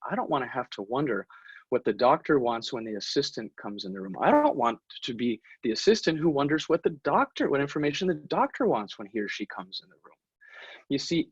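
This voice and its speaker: Lively husky man lecturing dentists. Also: medium pitch, no room sound, muffled recording. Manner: animated, acts out office dialogue in stories. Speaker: dentist giving a continuing-education talk. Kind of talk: online lecture with storytelling. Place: at home, away from the office. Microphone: webinar computer mic.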